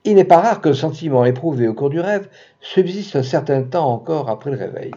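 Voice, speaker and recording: Casting: dark, husky male storyteller, dramatic literary reading, expressive delivery, dull lo-fi sound. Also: fairly high pitch, a little fast.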